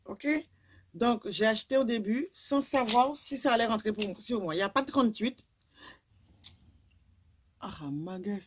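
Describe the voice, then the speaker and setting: A woman's voice: a little high, normal speed, a little hiss or hum. A woman, casually chatting through a clothing haul video and rambling with lots of fillers. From Guadeloupe. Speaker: vlogger.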